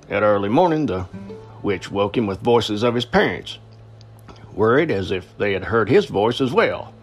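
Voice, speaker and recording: A man, hosting a podcast and narrating a folk story in a folksy, lively storytelling manner. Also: lowish voice. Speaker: podcast host.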